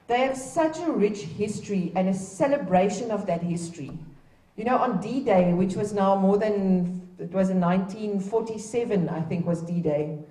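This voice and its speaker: This woman, a native Afrikaans speaker from Namibia, delivers the opening public speech at a heritage event inside a museum. Her mid-range voice is mellow, her manner earnest and urging, with occasional restarts, all captured by a distant mic in an echoey room.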